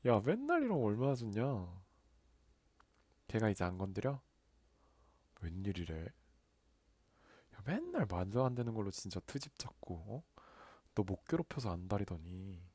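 A young man in a soft whispered role-play, playing a male friend who teases and comforts her on a late-night phone call. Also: fairly low pitch, breathy edge, no echo, exaggerated voice. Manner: playful teasing banter, soft and close. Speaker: ASMR creator.

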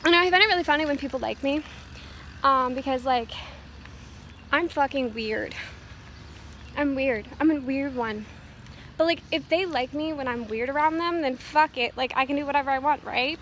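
Teen girl vlogger, high voice, chatty and crude, self-mocking, phone held out on a walk, faint street noise. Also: moderate pace, a bit bright. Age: teens. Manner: rambling, profane, self-mocking, frequent laughs. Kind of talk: casual walk-and-talk vlog. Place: outdoors on a town street. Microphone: phone at arm's length while walking. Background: faint street noise and a weed whacker.

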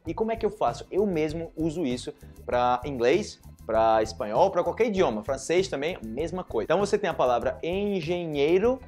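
A young man with a Brazilian accent teaching pronunciation, slowly repeating words syllable by syllable and checking in with "ok?". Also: fairly high pitch, expressive, darkish tone, faint music behind. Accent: Brazilian Portuguese. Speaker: language teacher. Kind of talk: pronunciation lesson to camera.

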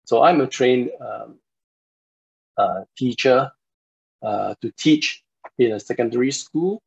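A man in his forties from Singapore delivers an online university lecture over a video call, polite and hesitant with plenty of fillers. His mid-range voice is creaky and slightly rough, and he takes his time. The computer mic gives dull, lo-fi call audio.

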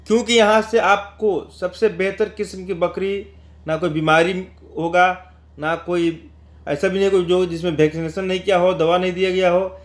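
A high-pitched man hosts a channel and records an informal promotional voice-over. He explains things repetitively and talks straight to the viewers.

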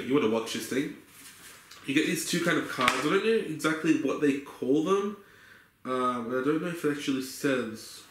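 Young guy rambling casually. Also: medium pitch. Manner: relaxed, rambling, many fillers. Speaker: vlogger. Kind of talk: casual haul video. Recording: echoey room with faint noise.

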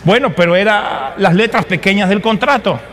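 A man preaching, voicing a scheming older father-in-law who smooths things over with placating excuses. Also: high-pitched, normal speed, fairly bright tone. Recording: long hall reverb.

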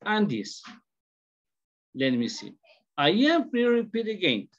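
A man's voice: sits high, slow. Guy teaching english online, mixes two languages, upbeat, muffled call audio. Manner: mixes Spanish and English, lively and encouraging. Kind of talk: online class explanation. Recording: dull lo-fi audio.

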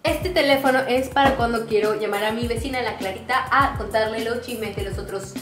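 A woman with a Peruvian accent, in her twenties, talks a little fast in a slightly high voice while giving a house tour for her vlog. Her casual chat to camera is playful and mock-serious, echoing through small hard-walled rooms on a camera mic as clear music plays.

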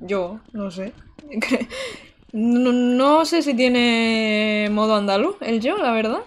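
Brief: young female streamer from Barcelona, chatty and exclamatory, slightly high voice, desk mic. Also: lively intonation, takes it slowly. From Barcelona, Spain. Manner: chatty, exclamatory, giggly, answering chat. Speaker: game streamer. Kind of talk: casual live-stream chat while gaming. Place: indoor room.

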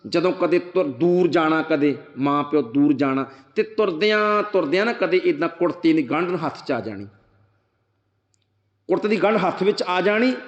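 A man with a Punjabi accent giving a sermon to a congregation, earnestly explaining and chanting scripture slowly. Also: sits high, lo-fi sound. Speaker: Sikh preacher giving katha. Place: gurdwara hall with congregation. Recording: echoey hall reverb.

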